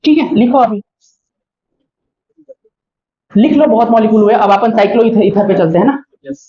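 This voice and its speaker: A man's voice: high voice, quick pace. A male chemistry teacher giving a classroom lecture, explaining step by step and often checking in with his students. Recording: dull lo-fi recording.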